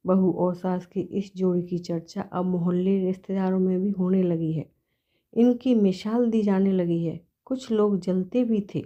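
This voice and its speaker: A woman's voice: mid-range voice, dull audio. A woman storyteller reading an emotional family story aloud in a plain, earnest way.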